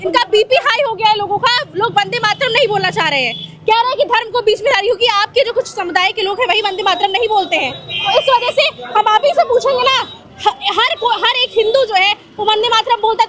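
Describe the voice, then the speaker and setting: A woman street reporter holding a firm vox-pop interview in a busy outdoor market. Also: very high-pitched. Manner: firm, repeatedly calming the man. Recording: loud crowd and traffic noise.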